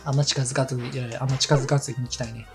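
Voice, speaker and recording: A man with a Kansai accent rattles on quickly in casual chat while playing a game. His talk is a rambling, chatty stream of stories. Game music plays clearly behind him. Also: medium pitch, flat delivery. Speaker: let's play commentator. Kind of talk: casual chat over gameplay.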